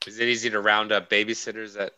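A man's voice: lowish voice, flat delivery, fast, bright, forceful tone, poor audio. A man hosting a podcast, asking guests friendly, curious questions. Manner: friendly, inquisitive. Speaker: podcast host. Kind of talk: interview questions.

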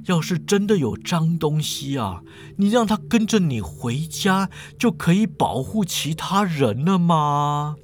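A man voicing a mischievous, laid-back professor with a slow, low, teasing drawl. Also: very animated, a little hiss or hum.

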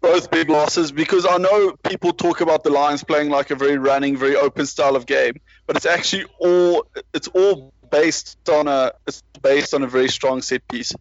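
A man's voice: fairly high pitch, fairly even intonation, normal speed, hardly any pauses, no echo, highs cut off. A man talking rugby in a casual, rambling way, with many restarts and self-deprecating asides. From South Africa. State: parent with a baby nearby. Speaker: rugby podcast panelist. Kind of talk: casual chat.

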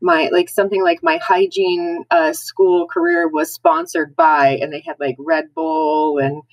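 An American woman from New Jersey, a dental hygienist who co-hosts a podcast, chats casually in a low voice with a level, unhurried tone. The recording has no echo but sounds rough.

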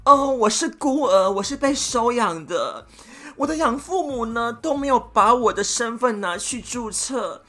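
A woman's voice: a little high, animated, measured pace, pushed and bright, pitched above the performer's own voice, heavily acted. A woman voicing a lying man who makes pleading, whiny excuses and plays the victim.

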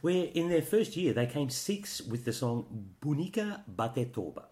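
A man's voice: a little high, very animated, measured pace, darkish tone. A man with an Australian accent, co-hosting a show in casual chat with a dry, wry manner. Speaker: co-host of a Eurovision show.

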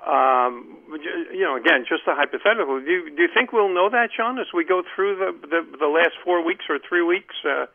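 A man's voice: a little high, animated, moderate pace, creaky, few pauses. Hesitant man calling in by phone. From Maryland. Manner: hesitant, restarts and fillers. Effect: phone call. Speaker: caller. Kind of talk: radio show caller. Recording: tinny phone line.

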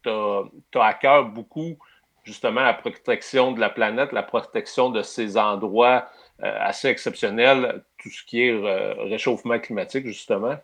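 A man hosting a casual interview, asking measured, leading questions with a few fillers. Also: lowish voice, fairly even intonation, creaky, fairly bright tone. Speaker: podcast host.

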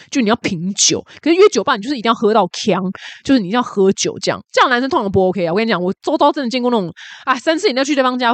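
A woman's voice: a little high, dry recording. A young adult woman host, chatting casually with gossipy, emphatic asides.

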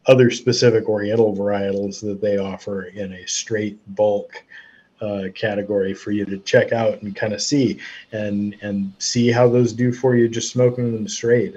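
Male guest, low husky monotone, explaining on a dull lo-fi line. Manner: explanatory, hesitant with fillers. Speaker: tobacco company guest. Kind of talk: casual interview explanation.

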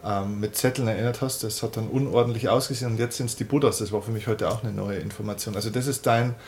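A man's voice: fairly low pitch, steady tone, fast, darkish tone, slight background noise. Attentive male interviewer. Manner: attentive, frequent murmured agreement, probing questions.

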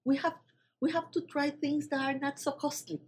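A native Spanish-speaking woman with a Latin American accent discusses ideas in halting non-native English with a husky voice, searching for words. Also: high-pitched, flat delivery, a little hiss or hum. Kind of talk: spoken discussion.

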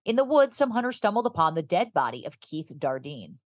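A woman's voice: fairly low pitch, very animated, a little fast, dry recording, studio quality. A woman co-hosting a true-crime podcast, moving between conversational commentary and storytelling read from notes.

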